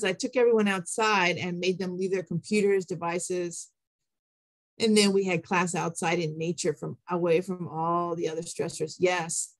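A woman's voice: on the low side, dry recording. A woman leading an online training session as a presenter, encouraging and affirming as she guides participants. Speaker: teacher trainer, webinar presenter. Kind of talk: interactive webinar presentation. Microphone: computer mic on an online call.

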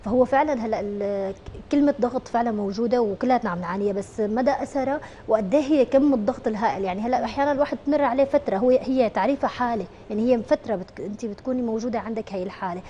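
Fast-talking Syrian woman explaining. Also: a little high, mellow, dull audio, slight background noise. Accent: Syrian Arabic. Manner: explanatory, rapid, many fillers and restarts. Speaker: educational psychologist guest. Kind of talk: TV morning show interview.

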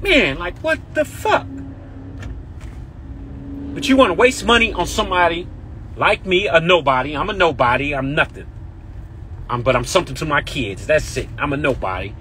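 A man's voice: sits high, bright, forceful tone, slight background noise. A man with a Californian accent, ranting defiantly and repeating himself, talking into a phone inside a car on the freeway. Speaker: vlogger. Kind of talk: heated live-stream rant.

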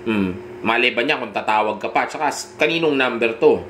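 A man with a Filipino accent giving dating advice in a direct coaching monologue, often pausing to check in with the listener. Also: mid-range voice, fairly bright tone, a little hiss or hum. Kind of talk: instructional monologue.

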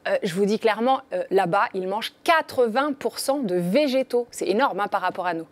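A woman dietitian, a guest on a TV show, explaining in a lively, playful way. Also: medium pitch, brisk, no room sound. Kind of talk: explaining on live TV. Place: TV studio.

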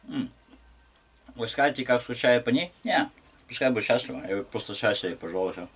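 A young man hosting an eating vlog, chewing while talking and mumbling quietly between bites. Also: medium pitch, animated, a little fast, husky. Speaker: mukbang vlogger. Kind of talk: casual eating vlog chat.

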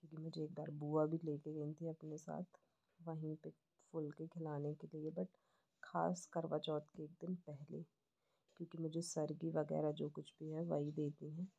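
A woman's voice: sits low, flat delivery, normal speed, vocal fry, warm tone, dull audio. A woman in her thirties chatting cheerfully to viewers in a casual daily vlog. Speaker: vlogger.

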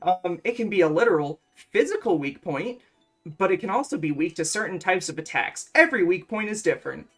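A woman's voice: lowish voice, a little fast, breathy edge, soft background music. A woman casually chatting over gameplay and reading game dialogue aloud in a playful, joking way. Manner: playful, jokey, reads game text in lively bursts. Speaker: let's play co-host.

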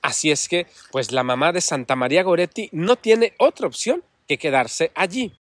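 A priest tells a saint's life in a dramatic, sorrowful sermon style. His voice sits fairly high for a man and moves expressively up and down. The recording is dry and close. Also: expressive, moderate pace, fairly bright tone, dry recording. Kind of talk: storytelling sermon.

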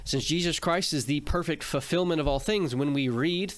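A man's voice: fairly high pitch, moderate pace, dry recording. A man co-hosting a theology discussion podcast, explaining ideas in long runs and speeding up at times. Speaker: podcast co-host.

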